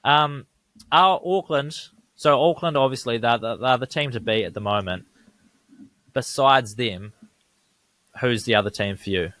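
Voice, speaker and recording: A man's voice: medium pitch, unhurried, long pauses, a bit bright, no echo. A man, co-hosting a casual sports podcast, talking conversationally and checking in with tag questions. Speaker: podcast co-host.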